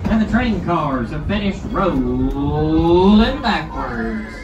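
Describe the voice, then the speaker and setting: A woman's fairly low voice gives calm, step-by-step safety instructions over an outdoor loudspeaker. She sounds far away, echoing through the open air. Loud music plays underneath. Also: dull audio. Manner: measured, instructive. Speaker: train crew announcer. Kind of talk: live safety announcement. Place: outdoors at a park railroad.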